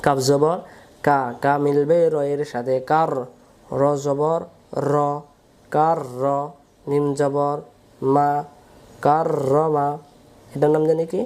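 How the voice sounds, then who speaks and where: A man's voice: a little high, little pitch movement, slow, long pauses, a little mellow. A man teaching Quran reading in a patient, repetitive syllable-by-syllable spelling drill. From Bangladesh.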